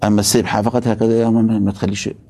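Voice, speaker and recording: A man's voice: lowish voice, level tone, rapid-fire, warm tone. A man giving a religious philosophy lecture, emphatic and stopping often to ask his students rhetorical questions.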